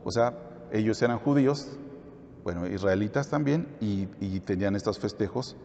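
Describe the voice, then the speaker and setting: A man's voice: lowish voice, normal speed, gravelly, a little mellow, slight background noise. A man teaching a Bible study, asking the listeners questions and then answering them himself. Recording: echoey hall, dull lo-fi sound.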